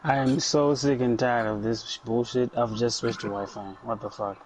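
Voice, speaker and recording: A man's voice: mid-range voice, fairly even intonation, normal speed, background noise. A man from Nigeria chatting casually while gaming, boastful and swearing when frustrated. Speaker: gamer.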